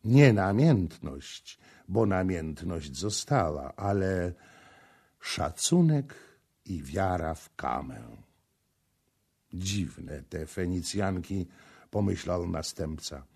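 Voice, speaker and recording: Slow, gravelly male audiobook narrator. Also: low voice, very animated, a little mellow. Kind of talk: scripted literary narration.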